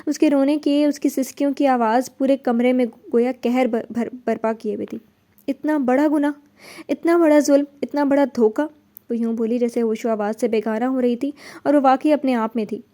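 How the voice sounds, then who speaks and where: A woman narrating a dramatic novel in an expressive, emotional style. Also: on the high side.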